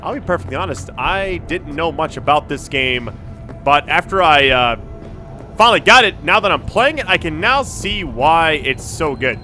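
A man giving casual live gameplay commentary, easygoing and slangy, thinking out loud as he plays. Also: a little high, animated, moderate pace. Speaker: gaming streamer. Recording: game music behind the voice. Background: game music and city sounds.

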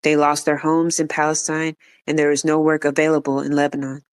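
Stern refugee mother, level and clear, read by the narrator. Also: mid-range voice, completely flat delivery, fairly quick, dry recording, close to an everyday voice. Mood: earnest. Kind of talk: read-aloud dialogue.

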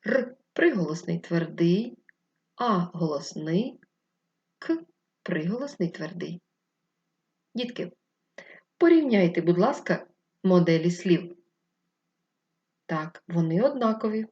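Woman, primary teacher, remote lesson, low-ish lively voice, unhurried, muffled recording. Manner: patient, drawn-out instructive speech with questions to pupils. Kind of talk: slow, clear remote literacy lesson for children.

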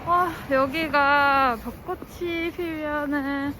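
A young woman vlogs at an unhurried pace. She chats playfully, half to herself, with loud ambient noise around her. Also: sits high, fairly even intonation. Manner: playful, talks to herself while deciding. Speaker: vlogger. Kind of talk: casual vlog chat and narration. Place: streets and a cafe, on the move.

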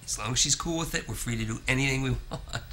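On the road and in a parking lot, a man records himself chatting casually to camera about his trip, throwing in jokes. He talks fast at medium pitch, pushed and bright, with slight background noise.

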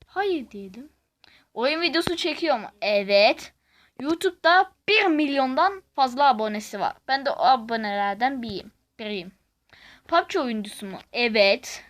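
A woman gives casual gaming commentary as a host, reading questions aloud and reacting in an expressive, exclamatory way. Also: on the high side, moderate pace.

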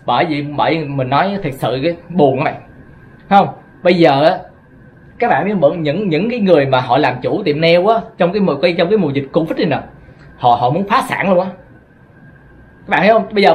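A man's voice: on the high side, lo-fi sound. A man from Vietnam with a Southern Vietnamese accent, rambling through a casual monologue to his viewers, often stumbling and repeating words. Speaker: vlogger.

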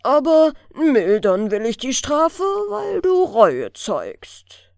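A woman voicing a stern male fir-tree spirit, a little gnome grown huge, who scolds loudly and slowly in a storybook. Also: big pitch swings, gravelly, no room sound, clean studio sound, exaggerated voice. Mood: stern, relenting. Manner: booming, scolding, slow and solemn.

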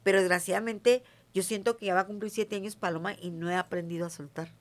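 A woman's voice: medium pitch, fairly even intonation, quick pace. Chatty Mexican woman in an interview. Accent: Mexican Spanish. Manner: chatty, emphatic, often asks "¿sí me entiendes?". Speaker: interview guest, self-described witch. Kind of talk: casual conversational interview.

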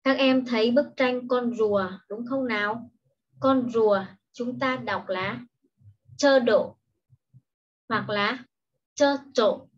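A woman gives a children's English lesson at a very unhurried pace, her voice a little husky and fairly high. She explains every word first and then says the English word carefully, often twice. The recording is dull and lo-fi. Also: steady tone. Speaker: primary school English teacher. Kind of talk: slow, patient online lesson for young children.

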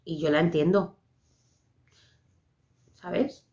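A woman's voice: fairly low pitch, steady tone, drawn-out words, dark tone. A woman with a Spain Spanish accent hosting a podcast, talking casually and expressively with lots of fillers. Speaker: podcast host. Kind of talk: casual monologue. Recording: dull lo-fi podcast audio.

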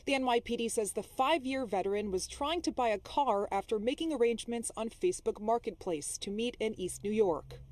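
A young woman reporting the news on a city street, speaking into a handheld mic with a crisp newsreader delivery. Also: on the high side, brisk, few pauses, a little mellow. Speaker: field reporter.

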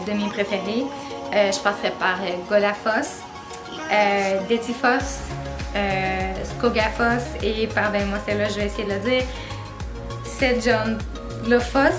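A Québécois French-accented travel vlogger in her twenties chats to camera about her trips in a steady, measured, mid-range voice. She uses lots of "euh"s and laughs at herself. She sits in a small indoor room with string lights and a bookshelf, and the audio has a roomy echo with music behind.

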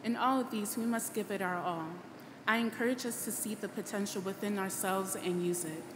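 Standing at a podium on a big auditorium stage, a late-teen young woman from Ghana gives her scripted address as the graduating student speaker. She speaks in a mid-range voice, earnest and formal, with a measured oratorical pace, into a boom-stand podium mic. Loud background noise and echo from the hall PA fill the recording.

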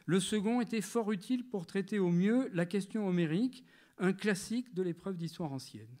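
A man in his sixties with a high voice reads a prepared lecture aloud. His delivery is measured and literary, and he pauses now and then to hesitate over a phrase. He speaks as a lecturer at a literary gathering. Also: darkish tone.

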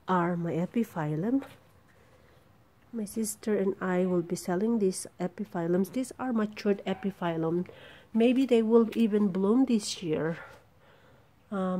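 A woman giving a casual, halting, rambling vlog narration outdoors in a backyard, filming with a handheld camera. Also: mid-range voice, dark tone. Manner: informal, halting, rambling delivery. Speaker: vlogger showing their plants. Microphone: handheld camera, behind the lens. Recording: outdoor background noise.

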